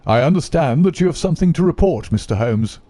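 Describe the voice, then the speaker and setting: A reserved older statesman, voiced by a man speaks in a subdued, grave manner. The tone is mellow and fairly low. The sound is close and dry. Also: animated, fast talker, dry recording.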